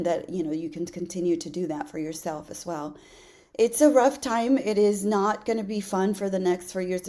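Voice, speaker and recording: A woman in her late forties talks straight to her podcast listeners in a mellow, rather low voice. She sounds earnest and encouraging, with a loose, chatty flow full of "you know" and repeated words. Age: 40s. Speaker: podcast host. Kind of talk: casual solo podcast talk.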